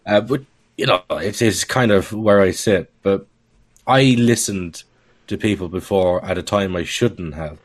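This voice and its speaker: A man's voice: deep voice, unhurried. A man talking casually as a podcast guest, candid and joking, laughing often at his own remarks. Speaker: guest software developer.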